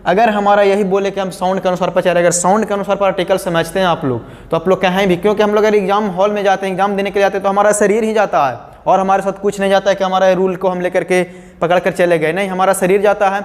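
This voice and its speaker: A male teacher with a high-pitched, fairly flat voice delivers a grammar lesson quickly, explaining step by step. He repeats key words and keeps questioning his class, with long hall reverb on the recording.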